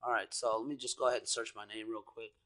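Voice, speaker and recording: A man's voice: fairly low pitch, flat delivery, fast talker, pushed and bright. A man giving a casual screen-share walkthrough as an online marketer, rambling and enthusiastic, full of fillers like "you know" and "guys". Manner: enthusiastic, salesy. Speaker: online marketer walking through a screen demo.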